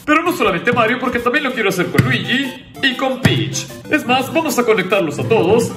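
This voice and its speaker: A man's voice: extremely high pitch, animated, a little fast. A man narrating a casual toy review in the role of presenter. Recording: roomy echo, music behind. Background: music.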